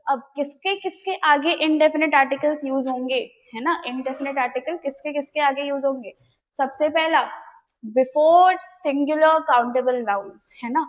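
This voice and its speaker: A young woman with a high voice teaches an exam-prep grammar lesson. She keeps asking her class questions and then answers them herself.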